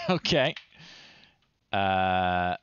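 This is a thirty-something livestream host at home in a small room, trying old software and casually thinking aloud in short muttered phrases. He speaks extremely slowly in a low-pitched, sing-song way, with a clear, resonant and slightly bright voice, though the audio is dull.

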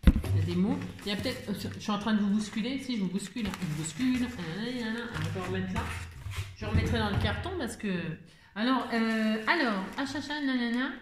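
A woman's voice: on the high side, fairly quick, roomy sound, background noise. A woman vlogger chatting casually and exclaiming as she unboxes crafts, talking to her viewers and to herself.

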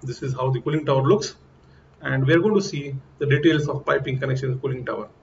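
A middle-aged HVAC instructor with a medium-pitched, gravelly voice talks fast as he earnestly explains piping step by step, pointing things out on diagrams in a slide-based technical lesson. He's recorded on a lapel mic in a small room, and the lo-fi audio is dull with faint noise.

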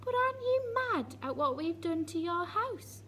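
Storybook father bear, earnest and puzzled, high and unhurried, as a woman reads him. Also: sing-song, pushed and bright, slight background noise, exaggerated voice.

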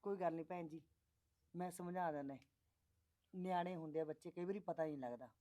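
A man's voice: on the high side, brisk, dark tone, no echo, lightly acted. An actor playing a patient middle-aged father who soothes and coaxes his married daughter to stay with her in-laws. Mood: coaxing. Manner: soothing, coaxing.

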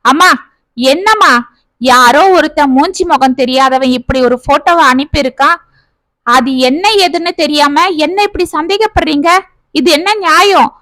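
A woman's voice: extremely high pitch, unhurried, long pauses, pushed and bright, no echo, voice pushed up, full character voice. A woman voicing a college-age daughter who talks in a pleading, bewildered way.

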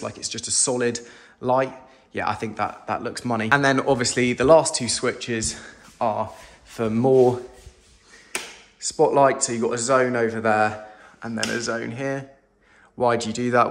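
This home renovation vlogger, a young man from England, has a medium pitch and fairly bright tone as he casually shows off his renovated house. Chatty, enthusiastic and slangy, he walks through a large kitchen, filming first-person on a handheld phone camera.

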